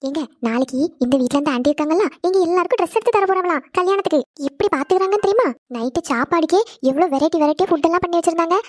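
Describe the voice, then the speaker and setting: A woman voicing a chatty young wife in a cartoon, scolding a little and talking fast. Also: extremely high pitch, dry recording, studio quality. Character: young wife missing her husband. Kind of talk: animated cartoon voice acting.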